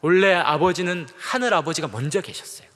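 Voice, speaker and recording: A man's voice: fairly high pitch, brisk, a bit bright. A middle-aged male pastor preaching a sermon in a conversational, playful way, acting out little quotes. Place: large church sanctuary. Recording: long hall reverb in a church.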